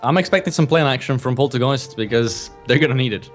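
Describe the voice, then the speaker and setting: A man's voice: mid-range voice, quick pace, soft background music. A man co-commentating a live online tank tournament. He talks in an analytical way and calls out tactics. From Slovenia. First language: Slovenian.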